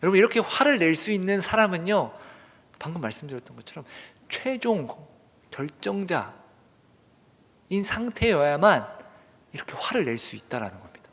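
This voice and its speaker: Male pastor, earnest sermon, lively rising and falling delivery, long church reverb. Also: high voice, moderate pace. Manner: earnest, asks the congregation rhetorical questions; swings between loud emphatic bursts and hushed whispers. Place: church sanctuary.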